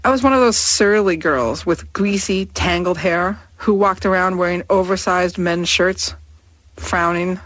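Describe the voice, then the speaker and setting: A woman's voice: fairly low pitch, fairly bright tone, no echo. Woman in her thirties reading a candid essay. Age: 30s. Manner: candid, wry, measured delivery.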